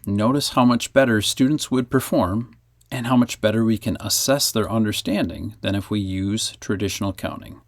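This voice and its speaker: Low, gravelly male music teacher. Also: moderate pace, dry recording, studio quality. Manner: methodical, chants counting syllables. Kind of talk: instructional narration.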